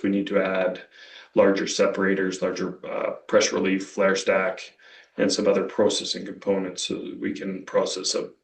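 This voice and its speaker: A deep-voiced man talks on a conference call in a level, even tone, explaining technical plans step by step. His voice comes across as distant and roomy, as if he is speaking some way off from the microphone. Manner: measured, technical, walks through slides with restarts. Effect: conference call audio. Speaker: company executive presenting operations. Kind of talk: earnings call presentation.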